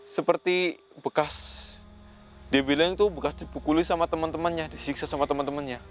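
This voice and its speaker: Earnest male ghost-hunt host, a bit high-pitched, faint music underneath. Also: steady tone, a little fast. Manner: earnest, speaks to spirits and viewers, keeps saying "Mas". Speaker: ghost-hunting vlogger. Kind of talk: paranormal investigation vlog.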